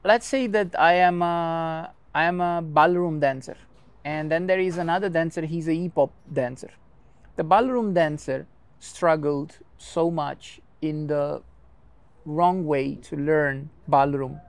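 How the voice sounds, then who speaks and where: Speaking in a slightly high voice, this man, a dance teacher who grew up speaking a Portuguese creole, gives considered, lengthy English answers in an interview and illustrates his points with familiar comparisons.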